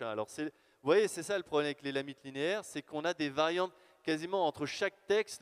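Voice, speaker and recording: Lively man lecturing in a reverberant hall. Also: medium pitch, smooth. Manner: lively, conversational, thinking aloud with fillers. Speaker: lecturer presenting his research. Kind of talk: live lecture to an audience.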